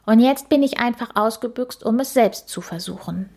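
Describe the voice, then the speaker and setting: A woman's voice: a little high, normal speed, darkish tone, pitched above the performer's own voice. A woman voicing a whiny, weary ghost lady. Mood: plaintive. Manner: whiny, plaintive. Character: sad, tired female ghost, polite and whiny. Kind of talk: storybook reading.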